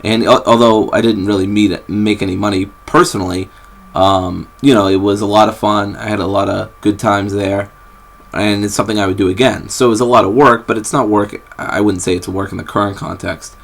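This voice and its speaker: A man's voice: steady tone, a little fast. A young man rambling casually in a vlog from his bed, with lots of fillers and restarts, recorded on a camera's built-in mic. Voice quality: very low, bassy, gravelly voice. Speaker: vlogger. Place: bedroom, sitting on a bed.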